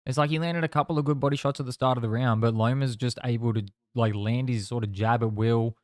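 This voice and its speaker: A man's voice: medium pitch, steady tone, quick pace, a little mellow, no echo. Chatty Kiwi man, close dry sound. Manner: chatty, blokey, sweary. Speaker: boxing watch-along podcast host. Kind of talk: casual live fight commentary.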